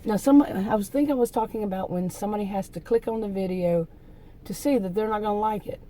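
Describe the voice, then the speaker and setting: A woman's voice: medium pitch, fast talker, dark tone, rough recording. A woman YouTuber with a soothing voice talking in a casual vlog monologue, rambling, easily distracted and trailing off mid-thought.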